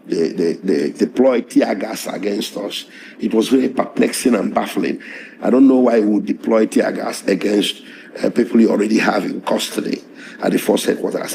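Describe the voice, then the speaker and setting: Hoarse, gravelly man, low-pitched. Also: dark tone, a little hiss or hum. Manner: measured, halting with restarts. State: hoarse, voice strained after tear gas. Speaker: lawyer being interviewed. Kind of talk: interview, recounting events.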